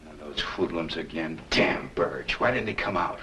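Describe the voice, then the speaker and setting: A middle-aged actor playing a firm, lecturing husband who turns fretful when pressed, in hissy 1970s TV film audio. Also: male voice, rumbling low, expressive, moderate pace, pushed and bright, full character voice, low-quality recording. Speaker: homeowner and husband.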